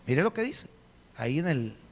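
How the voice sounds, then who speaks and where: A man, preaching a sermon as a pastor, emphatic, slowing on key phrases and putting rhetorical questions to the congregation. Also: a little high, sing-song. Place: church hall. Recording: long reverb of a church hall.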